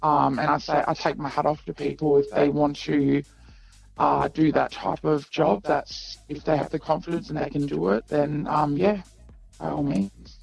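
An anonymous woman caller speaking through an electronic voice disguiser that makes her sound deep, talking hesitantly with many pauses on a radio call-in. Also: steady tone, vocal fry, a little mellow, slightly rough, soft background music, low-quality recording. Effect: disguised voice, electronically lowered to sound deep.

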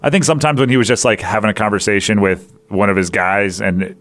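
A man's voice: fairly low pitch, fairly even intonation, fast talker, a bit bright. A man hosting a podcast, casually chatting through a movie review in a rambling way, with restarts and fillers. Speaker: podcast host.

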